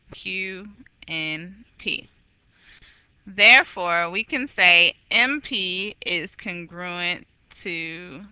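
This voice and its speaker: A woman's voice: on the low side, pushed and bright, clear, resonant tone, dry recording, rough recording. A woman teaching a recorded geometry lesson, walking through problems patiently and correcting herself aloud. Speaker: math teacher.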